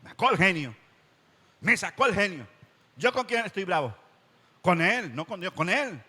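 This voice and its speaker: Pastor preaching in an echoing church hall. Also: male voice, big pitch swings, moderate pace, pushed and bright, slightly rough. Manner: acts out church members' objections in a higher whiny voice; repeats words for emphasis. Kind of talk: sermon.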